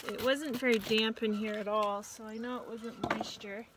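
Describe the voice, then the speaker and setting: With a slightly high, steady voice over a noisy background, a young woman in her twenties narrates her backyard hive work as a beekeeping vlogger. Her casual how-to talk is relaxed and chatty, with dismayed gasps at her finds. A nearby camera on a stand, later handheld, captures her outdoors, and music plays underneath.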